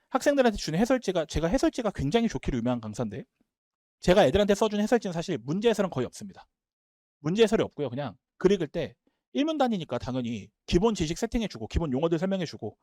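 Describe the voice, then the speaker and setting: Brief: male instructor, slightly high voice, very animated delivery, seminar lecture. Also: no room sound, studio quality. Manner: emphatic, talks fast and animated. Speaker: Korean-language instructor.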